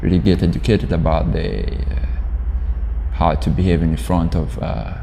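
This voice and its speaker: A young man from Rwanda with a low, mellow voice answers interview questions in a halting way, pausing often to search for words. The recording has a long, hall-like reverb and a faint noise underneath. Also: creaky. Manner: halting, with frequent pauses and fillers. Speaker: university student interviewee.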